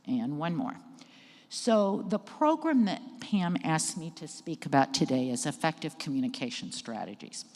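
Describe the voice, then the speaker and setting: A middle-aged woman with a deep, slightly mellow voice and big pitch swings gives an educational presentation on caregiving at a moderate pace. She speaks conversationally to a live audience in a church hall, checking in with them and cueing slides, and the recording has long hall reverb.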